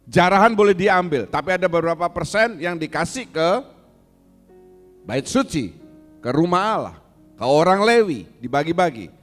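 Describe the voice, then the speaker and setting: A man's voice: fairly high pitch, animated, moderate pace, fairly bright tone, big-room sound, soft background music. A man preaching a sermon as pastor, asking the congregation questions and acting out angry insults in a raised voice. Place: church hall.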